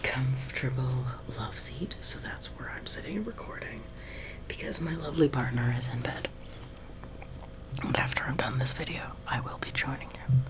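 A man's voice: mid-range voice, moderate pace. Young man whispering ASMR right in your ear. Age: young adult. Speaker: ASMR video host. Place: small room at home, seated on a love seat. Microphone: sensitive high-gain close microphone.

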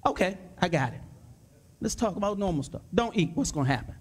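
A man, a pastor, preaching fervently in a panel discussion and repeating his points with rising excitement. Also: sits high, fairly quick, husky. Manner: fervent, repetitive exhortation; gets excited and loud.

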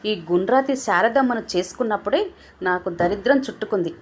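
A woman voicing a suspicious, sharp-tongued old father who taunts his family, in a storybook reading. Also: medium pitch, fairly quick, breathy edge, close to an everyday voice. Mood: bitter taunting. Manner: scolding, taunting.

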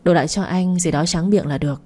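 A woman's voice: on the low side, fast talker, lightly acted. A woman voicing a cocky, persistent young man. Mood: coaxing. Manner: calm, self-assured, gently persistent. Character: confident, teasing young man courting his ex.

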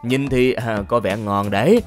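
A man narrating a food-safety top-list video in an energetic, chatty way, exclaiming and talking straight to viewers. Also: mid-range voice, unhurried. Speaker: channel narrator. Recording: voice-over with loud background music.

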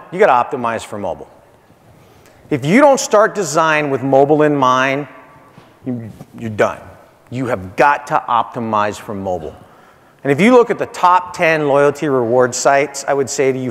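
This keynote comes from a marketing executive in his forties, speaking at a normal speed in a mid-range voice with big swings in pitch. He keeps his phrases short and punchy, repeats key points and checks in with "right?". It's recorded in a reverberant hall on a large indoor hotel conference stage.

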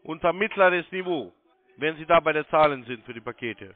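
A slightly high, animated male voice at a moderate pace belongs to a call centre salesman who keeps pressing and repeating his step-by-step directions on the phone. The line sounds muffled and narrow-band.

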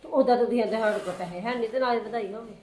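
A woman with a Punjabi accent playing a sly neighbour in a short film, talking quickly and repeating her denials. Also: a little high, dark tone, slight background noise, close to an everyday voice. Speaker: neighbour Sukhwinder.

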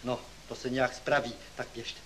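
A man's voice: medium pitch, level tone, slight background noise, natural voice, poor audio. An actor playing a kindly but strict male schoolteacher who scolds his pupils, on an old film soundtrack. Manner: stern, scolding, then gentle.

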